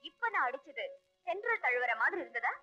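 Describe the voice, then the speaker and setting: A feisty, sharp-tongued wife in old film comedy. Her voice is high and bright. The sound is dry and muffled, with music underneath. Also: sing-song, brisk, full character voice. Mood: scolding. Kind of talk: 1980s Tamil film comedy dialogue.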